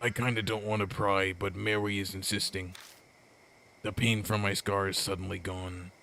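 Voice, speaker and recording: A man's voice: low voice, little pitch movement, moderate pace, gravelly, bright, forceful tone, slight background noise. A man hosting a gaming video, reading visual novel narration aloud with casual asides.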